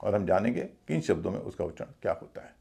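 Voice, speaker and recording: A man's voice: sits low, sing-song, fast talker, vocal fry, dark tone. A man teaching English pronunciation in a video lesson, spelling out each word letter by letter before stressing the right sound.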